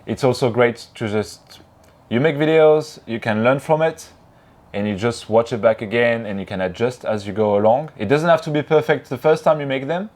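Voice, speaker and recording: A man's voice: mid-range voice, moderate pace, darkish tone. A man with a French accent, a native French speaker, talking as a guest in a casual interview, friendly with simple phrasing. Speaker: guest, YouTuber.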